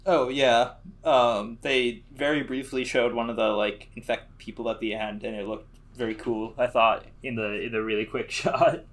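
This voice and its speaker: A man with a mid-pitched voice chats on a podcast in a laid-back way. He fills gaps with "like" and "um" and swears casually as he reacts. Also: fairly even intonation, moderate pace, hardly any pauses. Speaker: podcast co-host. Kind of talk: casual chat.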